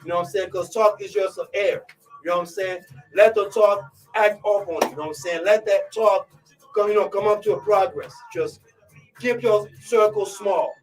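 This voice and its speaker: A male radio host from Côte d'Ivoire with a high voice, pumping up his listeners and leaning on the same filler phrase again and again. He sounds a little off-mic, with music playing underneath. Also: steady tone, normal speed, recorded from a distance, rough recording. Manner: hypes listeners with constant "you know what I'm saying" fillers. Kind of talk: live radio show intro.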